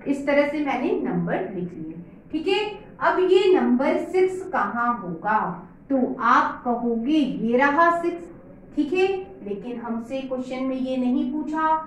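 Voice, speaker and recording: A woman teaching maths to children at a board, patient and asking her own questions aloud. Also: sits high. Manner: patient, calls pupils "beta", asks and answers her own questions. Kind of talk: whiteboard maths lesson for children. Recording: very echoey room, faint noise.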